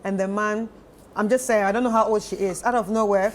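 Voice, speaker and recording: A woman's voice: medium pitch, fairly even intonation, brisk. Woman, panel chat, chimes in, argues her view, faint background noise. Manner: agreeable, chimes in often. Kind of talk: casual chat.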